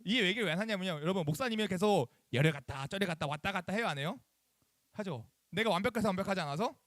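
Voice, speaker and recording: Youth pastor, male, high and very animated delivery, dry close sound, church sermon to teens. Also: fast, no echo. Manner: animated, acts out phone calls and asks the kids questions. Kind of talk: sermon to middle schoolers. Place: church chapel.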